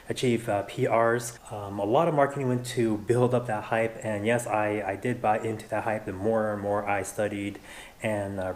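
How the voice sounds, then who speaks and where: A man's voice: medium pitch, a little mellow. An American man in his thirties talking casually and earnestly to his viewers in a vlog, often repeating points for emphasis. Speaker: running vlogger. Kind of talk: casual vlog talk to camera.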